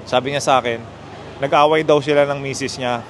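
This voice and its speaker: A man hosting a casual outdoor chat, telling a story in an animated, chatty way. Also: medium pitch, fairly quick, slight background noise. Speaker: motorcycle club host.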